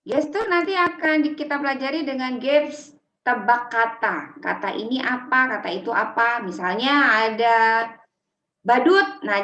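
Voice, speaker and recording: A woman teaching public speaking for children to parents in a lively workshop talk, demonstrating intonation as she explains. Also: sits high, reverberant, lo-fi sound.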